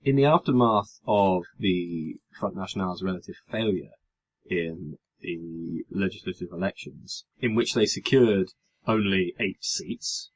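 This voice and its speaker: A man's voice: deep voice, a little slow, highs cut off. A man co-hosting a podcast, chatting casually and wryly about politics, rambling with hesitant fillers. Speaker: podcast co-host.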